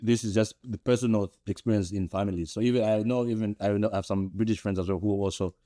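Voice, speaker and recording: Quick-paced and reflective, a young podcast guest from Zambia works through his thoughts with many restarts, rising in pitch when animated. The interview is studio quality, recorded on a studio podcast mic with no room sound.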